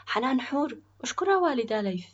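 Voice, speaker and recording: A woman's voice: high-pitched, big pitch swings, fast, highs cut off, voice pushed up. Woman voicing Baraa, an earnest young boy. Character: earnest young boy cook, anxious but determined.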